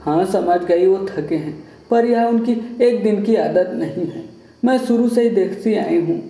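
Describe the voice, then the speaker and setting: A man voicing a gentle pleading young wife. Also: high-pitched, unhurried. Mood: tearful. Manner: soft, pleading. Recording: roomy echo.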